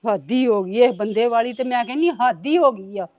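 Middle-aged wife and mother played by a woman, calm, soothing, slightly high voice. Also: a little fast, dry recording, close to an everyday voice.

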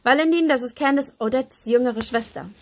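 A woman voicing a cheerful, teasing young male fashion designer in a lively, brisk, raised voice. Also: sits high, voice pushed up.

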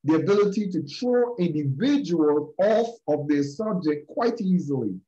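A Barbadian-accented man preaches motivation to a group on a video call, stressing and repeating key lines while talking right to his audience. He has a warm, expressive voice on the high side at a normal speed. The recording is lo-fi.

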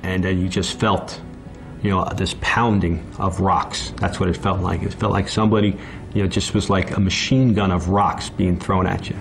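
A firefighter recalling events in an interview, plain and halting with many fillers. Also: male voice, low voice, little pitch movement, creaky. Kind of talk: interview recollection. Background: music.

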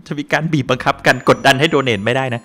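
With a medium-pitched voice and a fairly quick pace, a man provides casual live-stream gameplay commentary, joking with his chat, thanking viewers for donations, and frequently exclaiming and laughing.

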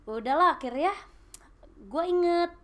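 A woman in her late twenties with a Sundanese-tinged Indonesian accent, a podcast guest telling her story in lively casual chat and mixing in English phrases. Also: extremely high pitch, unhurried. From Bandung, Indonesia.

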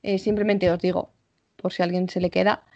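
A woman with a Spanish accent teaching an English exam-prep class online, checking in often with her students and slowing down to model English examples. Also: lowish voice, little pitch movement, a little mellow, muffled recording. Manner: switches between Spanish and English, frequent "vale?" check-ins.

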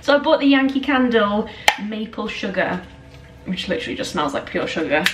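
Her voice ringing like in a cave around an empty, bare-roomed house, a young woman from northern England does a casual, self-deprecating vlog chat to camera. She's medium-pitched, with lively intonation and a slightly fast pace. Faint noise sits under the echoey room sound.

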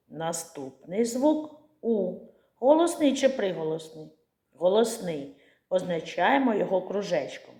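Slow, deliberate woman teacher in an echoey room. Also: mid-range voice, darkish tone. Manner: slow, deliberate, asks questions and answers them herself. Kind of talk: slow clear lesson for young children.

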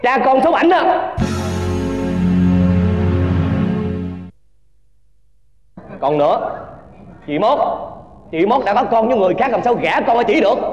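An actor playing a flustered young country man with a Southern Vietnamese accent, shouting in exasperation. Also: sits high, steady tone, rapid-fire, lo-fi sound, lightly acted. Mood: exasperated. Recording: echoey with loud music.

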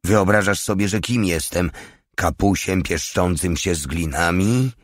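A man reading aloud voices a crude, quarrelsome soldier who snarls abuse at his comrades. The voice is low and unhurried, in a dry, close recording. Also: no room sound. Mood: angry. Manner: snarling and abusive.

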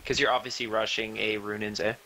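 A young man talking casually over voice chat during a team game, excitable and profane, with a lot of rambling. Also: lowish voice, fast, background noise. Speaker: gamer on voice chat.

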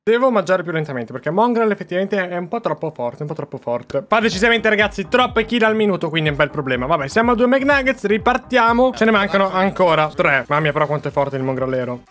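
A young Italian man chatting excitedly to viewers while reacting to gameplay as a gaming YouTuber. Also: sits high, quick pace, hardly any pauses, faint music behind. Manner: animated, chatty, addresses viewers as "ragazzi". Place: home gaming room.

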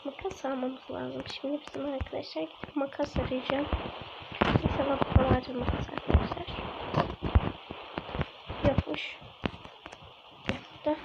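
A woman's voice: high voice, little pitch movement, normal speed, long pauses. A woman giving casual let's-play commentary to her viewers, often dropping to a whisper while she sneaks around. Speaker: gaming channel host. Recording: lo-fi with clear background noise.

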